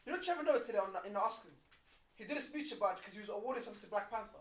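A man's voice: high voice, lively intonation, very fast, echoey room, slight background noise. A young man, co-hosting a podcast and telling stories in loose, chatty casual talk. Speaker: podcast co-host. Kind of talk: casual chat.

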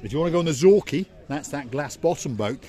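A man's voice: a little high, lively intonation, quick pace, dark tone. An older man hosting a casual walking vlog outdoors by a harbour, joking and chatting like a tour guide into a handheld phone. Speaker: vlog host. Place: outdoors by a seaside harbour promenade. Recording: faint outdoor noise.

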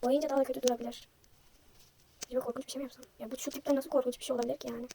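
Young woman, high voice, rapid self-deprecating chatter, a little hoarse, faint noise behind. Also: flat delivery. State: slightly hoarse, sore throat. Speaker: vlogger. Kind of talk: casual chat while drawing.

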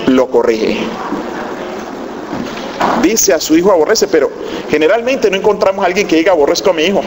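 A male pastor preaching a sermon, reading scripture aloud with earnest rising emphasis. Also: high-pitched. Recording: echoey hall with steady background noise.

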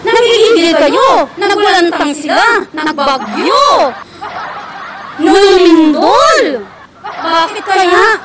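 A woman ranting sarcastically at someone, taunting and mocking, sometimes shouting. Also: very high-pitched, animated, moderate pace. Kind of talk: mocking rant. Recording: clip over loud music and crowd noise.

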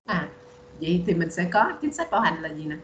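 A woman's voice: on the low side, very animated, a little fast, reverberant, muffled recording, slight background noise. A woman teaching English on a video call, patiently repeating words for students to practice. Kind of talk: online bilingual English lesson.

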